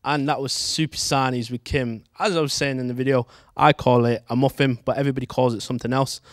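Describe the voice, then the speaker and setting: A man in his twenties from Manchester, England, chattily hosts and interviews on a handheld microphone in a dark studio theatre with tiered seats. His voice is medium-pitched with fairly even intonation and a quick pace, in clean studio sound with no room sound.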